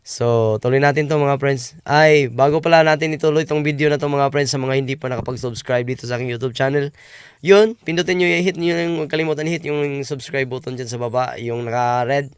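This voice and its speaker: A man from the Philippines hosting a casual reaction video, rambling with filler pauses and a strained voice from a cough. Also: medium pitch, steady tone, clean tone, no echo, studio quality. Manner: rambling, many filler pauses, calls viewers friends.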